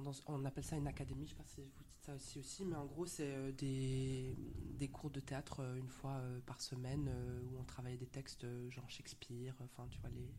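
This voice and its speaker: A woman's voice: very deep voice, dark tone, slight background noise. A young woman from Belgium with a Belgian French accent, telling her story as a guest in a casual interview, hesitant with many fillers. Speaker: actress guest.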